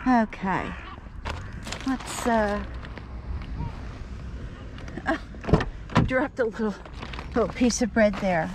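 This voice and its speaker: Speaking slowly with long pauses in a medium-pitched voice, a woman vlogs casually as she feeds wild birds on a lawn next to a road. She talks to the birds and grumbles about the people who live nearby; the low-held handheld camera captures birdsong and passing traffic.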